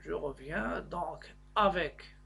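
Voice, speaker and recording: Man, maths teacher, high-set voice, gravelly fry, halting step-by-step explanation. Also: pushed and bright, slight background noise. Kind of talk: explaining a worked maths lesson.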